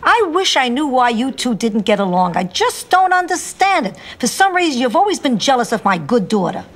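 An older actress playing a blunt, sly elderly mother, delivering deadpan wisecracks in studio sitcom style. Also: a little high, moderate pace. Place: sitcom kitchen set. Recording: noisy 1990s TV sitcom audio.

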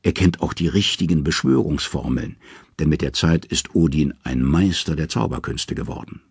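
Deep, gravelly male audiobook narrator. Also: moderate pace, no room sound, studio quality. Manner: lively, expressive reading. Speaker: audiobook reader. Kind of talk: scripted storytelling narration.

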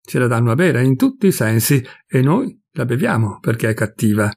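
A man's voice: mid-range voice, big pitch swings, moderate pace, gravelly, a little mellow, breathy edge, heavily acted. A man doing a chatty fat man in his fifties. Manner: gossipy, confiding, pleased with himself.

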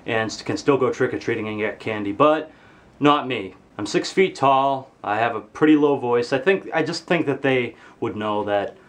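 Swinging from shouting to muttering at normal speed, a teenage boy vlogger gives a comedic rant to camera inside his bedroom. He swears and plays up his anger, with his pitch shooting high in moments of outrage.

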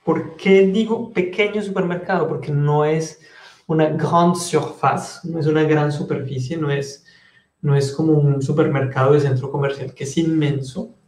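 A man's voice: on the high side, fairly even intonation, moderate pace, darkish tone, reverberant. A man teaching French in an online class, explaining patiently and switching between Spanish and French.

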